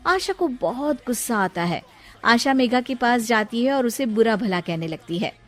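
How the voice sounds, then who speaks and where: High-voiced woman narrating a cartoon tale. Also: lively intonation, moderate pace, fairly bright tone. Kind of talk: scripted storybook narration.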